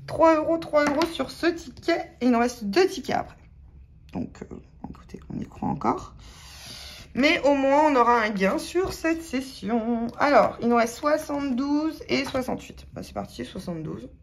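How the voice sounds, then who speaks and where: A woman's voice: sits high, lively intonation, normal speed, vocal fry, slight background noise. A woman with a French accent giving casual, chatty commentary as she scratches lottery tickets, talking to her viewers and spelling out letters one by one. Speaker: scratch-card vlogger.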